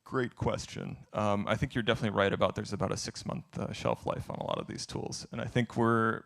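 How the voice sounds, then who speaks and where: A man's voice: fairly low pitch, steady tone, fairly quick, creaky. A man answering audience questions at a conference, candid and thinking aloud as he talks. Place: conference event.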